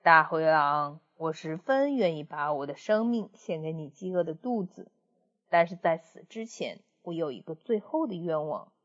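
A woman voicing a calm, cunning old male horse who speaks low and pleads. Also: moderate pace, dull audio. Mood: calmly cunning.

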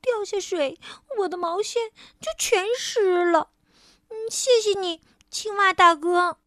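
A woman voicing an excitable little boy mouse in a children's storybook, with squeaky, eager exclamations. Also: a little slow, dry recording, studio quality, full character voice. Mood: frightened.

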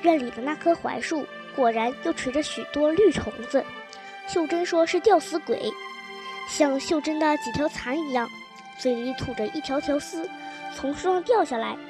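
A woman reading a childhood story aloud in a gentle, even storytelling manner. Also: sits high. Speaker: audiobook narrator.

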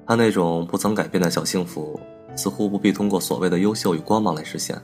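A man narrating a personal story as a podcast host, in a calm, measured and wistful manner. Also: deep voice, soft background music.

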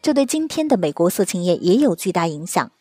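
A woman reading a scripted explainer narration in a steady, measured storytelling delivery. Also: on the low side, breathy edge, dry recording, soft background music.

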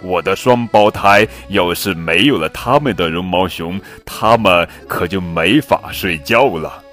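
Man voicing a protective tiger father: grave, low, emphatic. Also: a little slow, a bit bright, faint music behind. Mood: serious.

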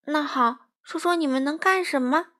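A motherly figure from a picture book, gentle and a little hurried, with a slightly high voice, read by a woman. She corrects softly and praises kindly. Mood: brisk. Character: warm, busy mother animal.

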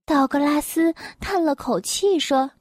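Bright-voiced woman reading a picture book. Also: sits high, no room sound, studio quality. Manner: gentle, clear, slow and expressive. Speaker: storyteller.

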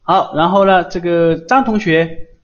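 Patient male language teacher, slightly high voice. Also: measured pace, muffled recording. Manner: patient, repeats sounds many times. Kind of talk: online pronunciation class. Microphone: computer mic in online class.

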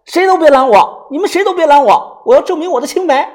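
A man voicing an excitable, defensive young man in an audiobook, shouting his innocence in a shrill voice. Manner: shrill, indignant, quick to shout. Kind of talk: audiobook character voice.

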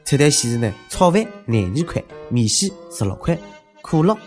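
A man's voice: medium pitch, big pitch swings, normal speed, a little mellow, faint music behind. A man with a Shanghai accent hosting a comic news commentary, speaking in a sarcastic, mocking, conversational way.

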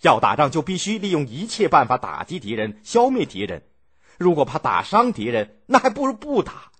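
A man's voice: on the high side, huge pitch swings, moderate pace, a bit bright, slightly rough, voice pushed up, exaggerated voice. A man voicing a blunt, impatient noble adviser who urges action. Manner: urgent, blunt.

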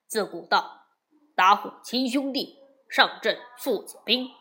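A woman voicing a meek male monk disciple in a storybook tale, begging loudly in a lowered voice. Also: takes it slowly. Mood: pleading. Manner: begging, earnest.

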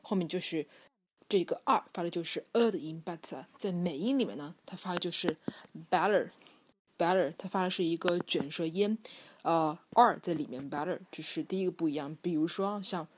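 Woman, fairly low voice, teaching pronunciation and drawing out each example word slowly. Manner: slow, drawn-out demonstration of example words; explanatory, with frequent filler sounds. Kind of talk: bilingual pronunciation lesson.

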